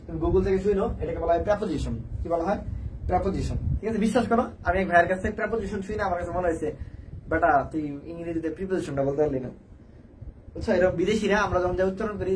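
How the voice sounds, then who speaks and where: A man's voice: sits high, darkish tone, distant mic, slight background noise, low-quality recording. A young man teaching admission test English, teasing his students, asking the same question again and again and mixing English into his Bengali. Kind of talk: lively classroom lecture.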